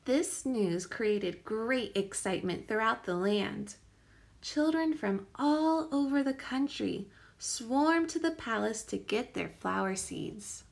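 A woman reading a children's picture book aloud as a teacher would, with careful, expressive storytelling emphasis. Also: fairly high pitch, takes it slowly, vocal fry.

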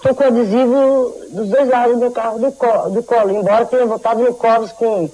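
A middle-aged woman from Argentina, speaking into a lapel mic in a TV studio, telling her story in an agitated, rushed, indignant way. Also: fairly high pitch, steady tone, mellow, poor audio. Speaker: retired athlete giving testimony. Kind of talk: studio testimonial.

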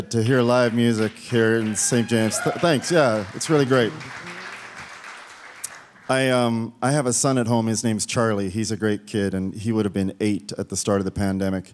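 Rambling folk singer on stage. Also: male voice, on the low side, a little mellow, slight background noise. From Canada. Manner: rambling, self-deprecating, halting with fillers. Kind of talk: relaxed stage banter between songs. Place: concert hall on stage. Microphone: stage vocal mic. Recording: live concert with guitar behind. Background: guitar playing.

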